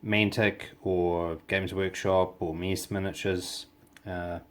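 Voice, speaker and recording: A man with a New Zealand accent and a gravelly voice, giving a casual hands-on hobby demonstration in halting, unscripted phrases. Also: flat delivery, fairly bright tone. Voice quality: gravelly, low voice. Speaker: hobby tutorial presenter.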